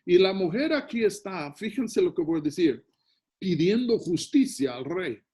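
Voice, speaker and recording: Mexican pastor with a mellow voice. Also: male voice, high voice, big pitch swings, unhurried. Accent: Mexican Spanish. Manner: storytelling Bible reading with asides. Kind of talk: sermon.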